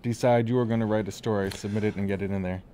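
A man's voice: on the low side, steady tone, very fast, warm tone. A man hosting a casual interview, teasing his guest and asking rambling questions. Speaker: interviewer host. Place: author venue room.

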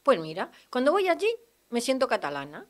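A woman's voice: on the high side, huge pitch swings, a little fast. A woman from Madrid, a radio panelist, bantering playfully and teasing in a studio. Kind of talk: casual comic banter. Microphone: studio mic.

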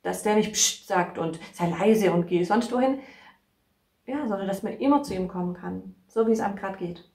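A woman's voice: mid-range voice, normal speed, creaky, a little mellow. A woman presenting a children's church video, chatting casually with a puppet, chatty with many fillers. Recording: echoey room.

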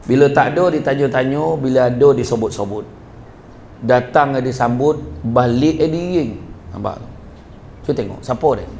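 A middle-aged man with a Negeri Sembilan Malay accent giving a humorous religious lecture to parents and teachers at a school event. He tells jokes and stories in an animated way, then drops to a low, earnest tone to deliver the moral. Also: moderate pace, vocal fry, slight background noise. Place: school event before a live audience.

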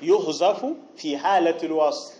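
A man teaching a grammar text, explaining deliberately, repeating key phrases and asking the listener questions. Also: fairly high pitch, darkish tone. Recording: dull lo-fi recording.

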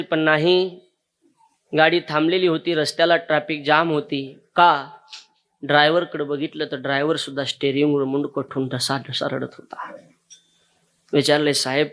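A man's voice: on the high side, a bit bright. A man, preaching a kirtan sermon and telling a moving story straight to his listeners. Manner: emotional storytelling, addresses audience directly.

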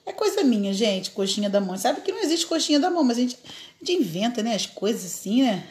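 A woman's voice: fairly high pitch, sing-song, quick pace, darkish tone. A Brazilian woman hosting a casual live craft tutorial from home, chatty, laughing often and greeting viewers by name. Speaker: craft live-stream host.

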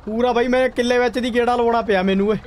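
High-pitched excitable man gaming. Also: rapid-fire, a little hiss or hum. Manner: excitable, repeats short exclamations. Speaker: gaming streamer. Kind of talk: casual gameplay commentary with a friend. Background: tractor game sounds.

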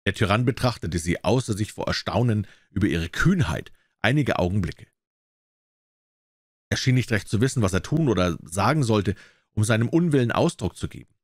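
A man reading a classic tale aloud as an audiobook narrator, with expressive storytelling. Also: on the low side, normal speed, no room sound, studio quality. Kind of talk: scripted narration.

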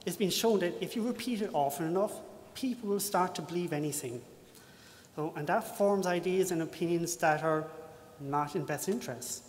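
A man giving an earnest, reflective, lightly self-deprecating lightning talk at a conference. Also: high voice. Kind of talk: short timed presentation to an audience. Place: conference hall. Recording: reverberant hall with faint background noise.

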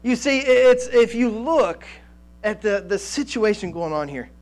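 Animated higher-voiced preacher man. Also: a little slow. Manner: animated, gesturing, many restarts and fillers. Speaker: pastor. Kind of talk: sermon. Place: church stage with band gear, indoors.

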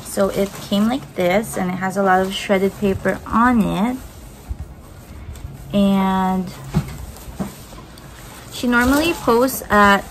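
In her home kitchen, a young Filipino woman gushes over plants as she unboxes and handles them, chatting upbeat and casual to the camera on the table. She has a mid-range voice; the audio is poor with slight background noise.

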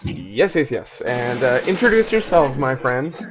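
A man's voice: medium pitch, very animated, a little slow, noisy background. A young man hosting a gameplay video with friends, joking and rambling in casual commentary, with game sounds and voice chat behind. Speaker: gaming video host.

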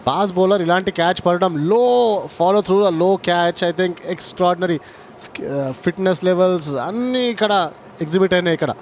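A man with a South Indian Telugu accent giving excited cricket commentary, praising play in emphatic short phrases. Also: high voice, unhurried. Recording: outdoor ground noise behind commentary.

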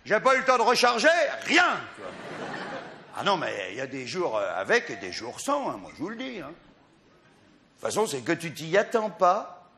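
A male stand-up comedian in a loud, teasing monologue, addressing the audience on a live stage. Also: a little high, huge pitch swings. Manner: boisterous, teasing the audience, drawn-out exaggerated delivery.

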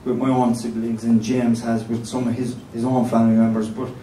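Dark-voiced, flat-toned Irishman. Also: a little fast. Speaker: event co-presenter. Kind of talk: informal talk to an audience. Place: conference room with an audience. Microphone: handheld microphone. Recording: echoey distant room, faint rumble.

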